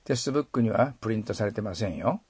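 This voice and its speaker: A middle-aged man teaching English pronunciation, modeling sounds and slowly repeating phrases. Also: lowish voice, animated, a little mellow, husky, no room sound. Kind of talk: explaining pronunciation in a lesson.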